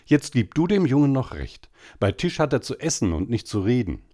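A man's voice: mid-range voice, very animated, normal speed, mellow, pitched above the performer's own voice. A man voicing a strict, prim mother who scolds at the dinner table, in an audiobook story. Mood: scolding. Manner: scolding, clipped.

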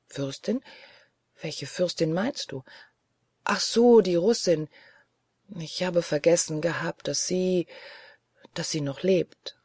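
A reader voicing a grave, frightened young woman who speaks softly in a hushed tone, in an audiobook reading. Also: mid-range voice, slow, long pauses, slightly rough, no room sound, studio quality. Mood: puzzled.

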